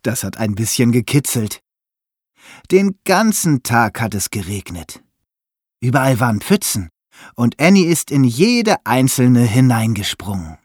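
A man reading a children's story aloud in a lively, expressive way. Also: mid-range voice, a little slow, husky, no room sound, studio quality. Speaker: narrator.

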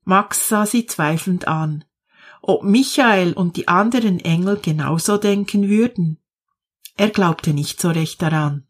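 A woman reading a storybook aloud in a calm, measured storytelling manner. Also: fairly low pitch, slightly rough. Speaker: narrator.

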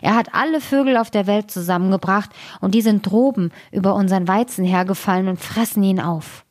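A woman's voice: medium pitch, fairly quick, darkish tone, no echo, close to an everyday voice. A fretful farmer's wife from an old fairy tale, agitated and complaining, as a woman reading the story puts her on. She sounds dry and close to the mic. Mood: alarmed.

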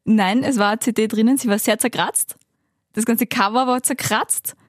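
This is a giggly young woman with an Austrian accent, chatting casually as a podcast co-host. Her voice sits fairly high and sounds close and dry, with no room around it, and she rambles and teases through her stories. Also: steady tone, moderate pace, no echo. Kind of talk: casual chat.

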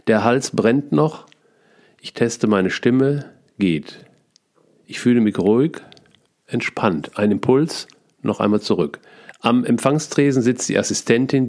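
A man reading his own memoir aloud in short, clipped first-person sentences, calm and steady. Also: medium pitch. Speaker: author reading his book.

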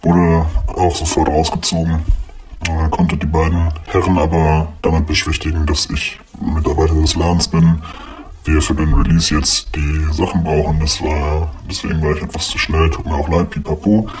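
An anonymous man telling a story in a disguised, pitched-down deep voice, hesitant with many fillers. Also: normal speed, background noise. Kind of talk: casual spoken anecdote.

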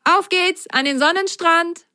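A woman's voice: extremely high pitch, a little slow, pushed and bright, no echo, clean studio sound, pitched above the performer's own voice, exaggerated voice. A woman doing a bubbly whale child. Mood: eager friendly. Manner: eager, chatty, helpful. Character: friendly helpful young whale child on a unicycle.

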